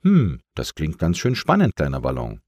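Man voicing a kind, calm sea turtle. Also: a bass voice, no room sound, clean studio sound, heavily acted. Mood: friendly. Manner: kind, unhurried.

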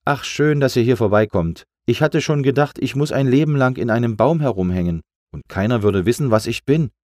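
A man's voice: medium pitch, expressive, fairly quick, a little mellow, dry recording, studio quality, voice pushed up, lightly acted. A man voicing a small talking letter C, chatty and indignant, in a storybook.

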